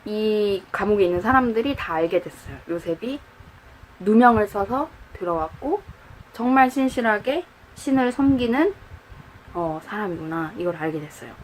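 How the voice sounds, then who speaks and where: A woman preaching to a youth group, telling the story lively and conversationally. She swings her pitch widely and jumps into quoted lines of the characters. She speaks at an ordinary middle pitch in a church setting. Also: moderate pace, slight background noise, rough recording. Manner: animated, acts out quoted lines. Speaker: youth pastor. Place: church, indoors.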